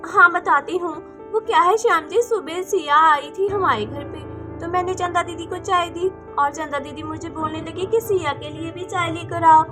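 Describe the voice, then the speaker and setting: A woman's voice: very high-pitched, normal speed, music in the background. A woman voicing a meek, hardworking young village wife who hesitates and stammers, in a doll video role-play. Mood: hurt.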